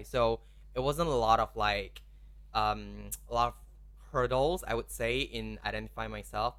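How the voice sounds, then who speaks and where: Bright-voiced young man from Malaysia. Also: lowish voice. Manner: open, frank, says "like" often. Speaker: podcast guest. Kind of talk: casual podcast chat.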